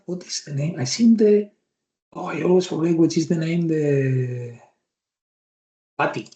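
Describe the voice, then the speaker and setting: Working as a bootcamp instructor, a man with an Argentine Spanish accent leads a live software demo, his voice a bit high for a man. He thinks aloud and restarts words while clicking through, and the audio carries a roomy echo.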